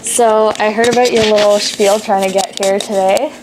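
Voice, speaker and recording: A woman's voice: medium pitch, steady tone, moderate pace. A teenage girl hosting an interview, asking casual questions with hesitations and fillers. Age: teens. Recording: noisy background.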